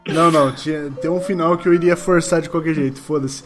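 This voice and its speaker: A Brazilian man narrating a live tabletop game as game master, with a fairly high voice. He teases his players, laughs often and swears freely, with faint music playing behind him. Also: fairly even intonation, fast. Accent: Brazilian Portuguese.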